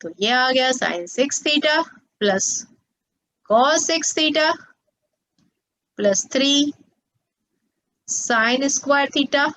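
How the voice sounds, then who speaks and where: A woman's voice: sits high, animated, extremely slow, long pauses, a bit bright. A woman teaching maths to students as a tutor, patient and coaxing, often checking that they follow. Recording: slightly dull lo-fi sound.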